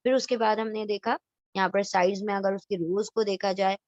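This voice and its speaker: A woman's voice: mid-range voice, fairly even intonation, brisk, a little mellow, no room sound, muffled recording. A woman teaching Arabic grammar who explains patiently, repeats each term and keeps checking that her students follow, mixing in English grammar words. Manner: explains patiently, repeats terms, asks "theek hai?" to check understanding; mixes in English grammar words and Urdu-flavoured vocabulary. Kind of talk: recorded lesson revising a past lecture.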